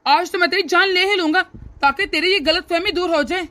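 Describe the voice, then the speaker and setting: A woman's voice: very high voice, brisk, pushed and bright. A woman voicing a hot-tempered young husband in a cartoon who blusters and threatens his wife. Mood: threatening.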